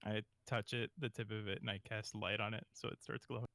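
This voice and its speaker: A young man speaking calmly and gently as a player in a tabletop game. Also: fairly low pitch, brisk, no room sound.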